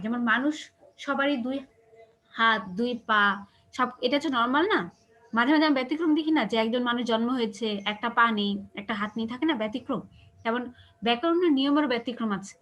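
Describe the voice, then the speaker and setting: Woman teacher w/ bangladeshi bengali accent, fast talker, keeps checking if students get it. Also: sits high, a bit bright, muffled recording. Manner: explains patiently, asks checking questions. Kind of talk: online class lecture.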